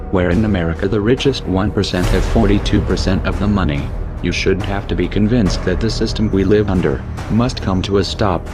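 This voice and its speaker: Man with disguised deep voice. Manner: grave, declamatory. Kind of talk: scripted manifesto narration.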